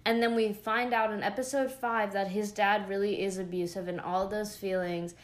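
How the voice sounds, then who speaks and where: A woman's voice: mid-range voice, steady tone, normal speed. A young woman chatting casually as she recaps a show, rambling with lots of fillers and gushing asides. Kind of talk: casual chat.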